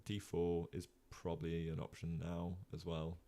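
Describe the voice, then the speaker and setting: A young man giving casual live-stream chess commentary, chatting with viewers and filling pauses with ums and uhs. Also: low voice, completely flat delivery, warm tone. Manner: chatty, many ums and uhs, reads chat.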